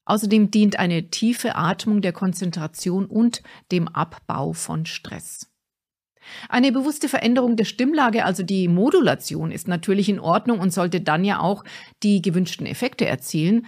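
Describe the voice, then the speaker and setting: A middle-aged woman with a fairly low voice explains good speaking habits in a scripted podcast lesson. Her delivery is clear, deliberate and instructive, like a speaking coach teaching. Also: a little mellow.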